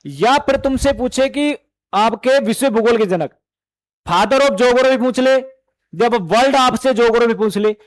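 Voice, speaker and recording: High-voiced man teaching exam students. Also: smooth. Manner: asks questions and answers them himself; calls students beta and bhai. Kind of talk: classroom lecture to exam students.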